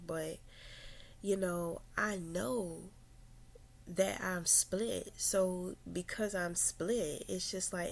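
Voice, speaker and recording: A woman speaking slowly and thoughtfully, unhurried, in a personal confessional vlog. She hesitates, restarts her sentences and fills pauses with small verbal tics. At times her voice sinks almost to a whisper. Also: on the low side, gravelly. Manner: reflective, halting, with many fillers and restarts. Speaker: vlogger.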